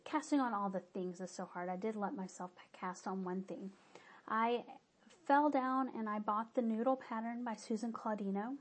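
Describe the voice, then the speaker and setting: Stuffy-nosed and chatting at a normal pace in a medium pitch, a woman rambles through an update on her knitting for her podcast. She keeps pausing to correct what she's said.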